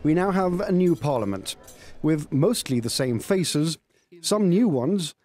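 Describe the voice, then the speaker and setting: A man narrating a news report in a measured, formal way. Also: a little high, sing-song, darkish tone. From Gibraltar.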